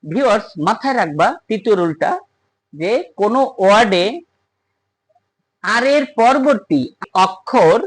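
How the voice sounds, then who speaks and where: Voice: medium pitch, rough recording. A teacher patiently explaining pronunciation rules, talking straight to viewers and repeating each point. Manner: repetitive, patient, addresses viewers directly. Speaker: English teacher.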